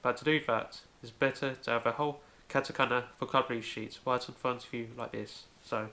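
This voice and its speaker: Gravelly man explaining step by step. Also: mid-range voice, fairly even intonation, fairly quick, sharp tone. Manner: careful, step-by-step explaining with frequent "so". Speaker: language video host. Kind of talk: home-made tutorial.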